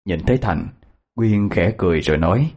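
A man telling a ghost story in steady, even narration. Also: low voice, brisk.

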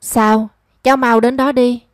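A woman voicing a kind, ailing elderly employer who gently coaxes a young woman. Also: fairly high pitch, little pitch movement, a little slow, dry recording, clean studio sound, close to an everyday voice. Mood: concerned. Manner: gentle, caring and coaxing.

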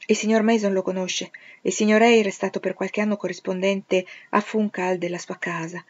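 A woman reading the lines of a formal, measured male lawyer explaining events. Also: mid-range voice, little pitch movement, highs cut off, natural voice.

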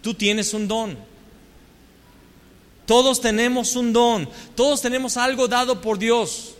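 A man's voice: sits high, fairly bright tone. A man with a Mexican accent preaching a storytelling sermon, full of rhetorical questions and self-mocking humor. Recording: long hall reverb.

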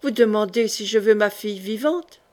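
A woman's voice: medium pitch, normal speed, a little mellow, close to an everyday voice. A woman reading the part of a desperate, grieving noble mother in an audiobook, pleading and fierce.

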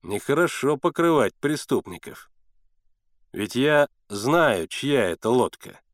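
A man's voice: medium pitch, sing-song, measured pace, no echo, studio quality. A man voicing a sly, mocking adult male boatman in a sneering, reproachful manner for an audiobook. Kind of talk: audiobook character voice.

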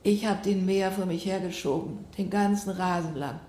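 Warm and natural, with a lowish pitch at normal speed, the voice comes from an echoey room. It belongs to an actress in a radio drama portraying a probing, persistent mother, recovering from heart surgery, who insistently questions her daughter.

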